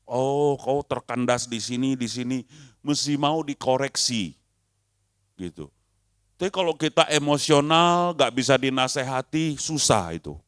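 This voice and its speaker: A man's voice: medium pitch, animated, measured pace, fairly bright tone, clear, resonant tone, no echo, studio quality. A male pastor preaching a sermon, asking rhetorical questions and acting out the people he quotes.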